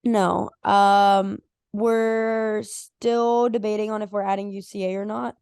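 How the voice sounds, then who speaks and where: A young woman in her twenties with a hoarse, worn-out voice, co-hosting a casual podcast chat and rambling with lots of fillers. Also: medium pitch, little pitch movement, slow, darkish tone, no room sound, clean studio sound. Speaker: podcast co-host.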